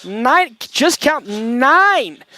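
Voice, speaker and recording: A male radio sports broadcaster with a very high voice talks through a post-game wrap-up from a tent at an outdoor ballfield. He is excited and out of breath, and he laughs often as he goes. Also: very slow. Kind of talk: live post-game commentary.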